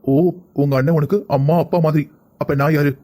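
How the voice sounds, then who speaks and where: A man speaks quickly in a somewhat high voice. He scolds and argues as a husband in a cartoon family drama. His lines come out rapid and sharp. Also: level tone. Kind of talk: Tamil cartoon voice acting.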